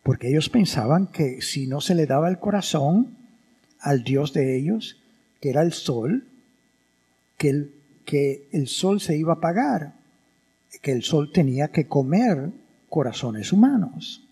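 A male priest preaching a sermon. His dark, gravelly voice rises and falls in lively swings, and a long church reverb trails each phrase. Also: a little high, unhurried. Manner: animated, teaching with rhetorical questions.

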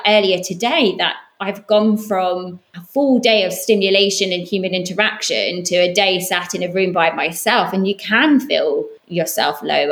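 Female podcast guest, Essex accent, slightly low voice, earnest and emphatic, conversational. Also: fairly bright tone. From Southend, Essex, England. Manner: earnest, emphatic, talks in long flowing answers. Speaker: podcast guest, communications professional. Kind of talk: conversational interview answers.

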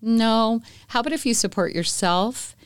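A woman's voice: on the high side, moderate pace, smooth, dry recording, clean studio sound. A middle-aged woman, an author guesting on a podcast, earnestly telling stories and acting out what people said. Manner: earnest, storytelling, acts out quotes. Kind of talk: podcast interview.

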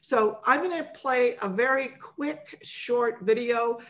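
A woman hosting an online program for mothers, welcoming listeners informally in a chatty, halting way. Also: fairly high pitch, fairly bright tone. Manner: chatty, often chuckling, halting.

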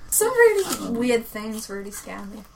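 A woman's voice: a little high, sing-song, measured pace, vocal fry, faint music behind. A woman chatting casually, rambling and giggling as she talks. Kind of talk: casual chat.

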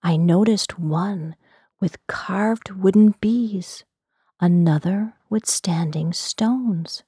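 A woman narrating a fantasy story in a soft, unvoiced whisper for ASMR. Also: mid-range voice, drawn-out words, husky, no echo, studio quality.

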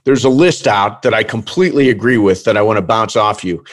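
A man's voice: lowish voice, fairly quick. A man hosting a pop culture podcast, chatting casually and introducing his guest with upbeat energy. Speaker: podcast host.

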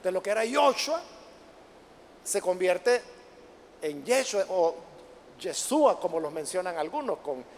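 High-voiced preacher in a reverberant hall. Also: male voice, lively intonation, slight background noise. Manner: reads verses slowly and loudly, then explains conversationally; addresses the listeners as brothers. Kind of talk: Bible study sermon.

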